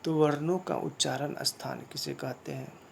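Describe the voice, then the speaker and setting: A man teaching a grammar lesson, explaining slowly and repeating points, often asking a question and then answering it himself. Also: on the high side, fairly even intonation, vocal fry, heavy background noise. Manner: slow, repetitive explaining with rhetorical questions. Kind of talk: classroom lesson.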